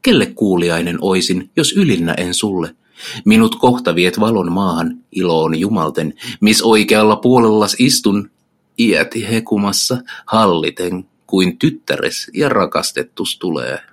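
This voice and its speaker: A man voicing Sin, a serpent-bodied woman guarding hell's gates, reciting archaic verse in a raised falsetto. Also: expressive. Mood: devoted.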